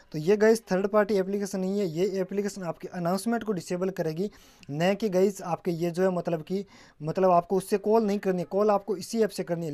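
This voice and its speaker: With a high, warm voice, a man presents a relaxed tech tutorial one step at a time, frequently addressing viewers as guys and dropping in English terms.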